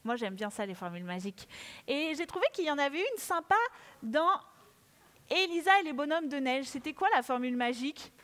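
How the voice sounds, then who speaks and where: A woman's voice: high-pitched, brisk. A woman hosting a children's award ceremony, playful and coaxing the audience to join in. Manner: animated, playful, coaxes the audience. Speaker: ceremony host. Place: large auditorium. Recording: echoey hall with audience.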